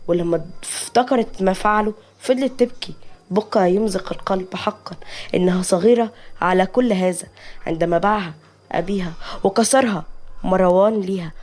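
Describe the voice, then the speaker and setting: A woman with an Egyptian accent reading a romance story aloud in a brisk, emotive way. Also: mid-range voice, a little mellow. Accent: Egyptian Arabic.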